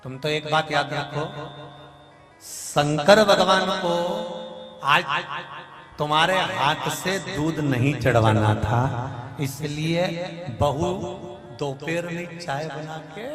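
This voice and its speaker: A man's voice: a little high, takes it slowly, long pauses. A man preaching a devotional sermon, telling stories, speaking straight to his listeners and breaking into song. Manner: storytelling, addresses listeners directly, breaks into song. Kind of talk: devotional sermon with sung verses. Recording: echoey hall with music behind.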